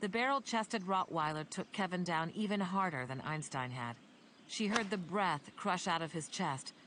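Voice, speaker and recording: A woman narrating an audiobook in an even, measured reading. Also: lowish voice, a little hiss or hum.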